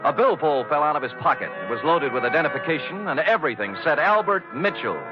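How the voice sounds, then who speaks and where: A man's voice: a little high, expressive, quick pace, natural voice. A man playing a wry hard-boiled detective. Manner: dry, wisecracking. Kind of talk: 1950s radio drama narration. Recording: dull old radio broadcast with music.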